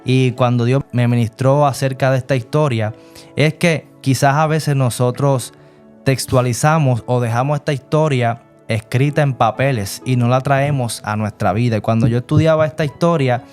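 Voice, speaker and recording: A man's voice: medium pitch, a little mellow. Man hosting a faith interview. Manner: preachy, reflective questioning with many fillers. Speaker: host interviewing a guest.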